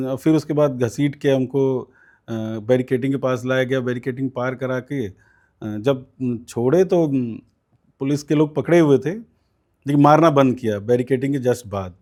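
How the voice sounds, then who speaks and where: Mellow-voiced man from recounting. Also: medium pitch. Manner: recounts events at length with many fillers and quoted voices. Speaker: student politician guest. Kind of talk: conversational storytelling interview.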